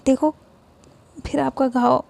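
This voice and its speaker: A woman's voice: high voice, steady tone, slow pace, creaky, darkish tone, full character voice. A woman voicing Faiz, a fussing, scolding girlfriend. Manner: scolding, worried. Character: caring, scolding young woman, protective of her lover.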